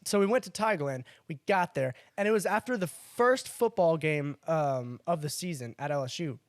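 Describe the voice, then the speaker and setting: A young man tells a story on a casual podcast, animated and profane. His voice sits a bit high. The sound is dry and close. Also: moderate pace, dry recording. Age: young adult. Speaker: podcast co-host.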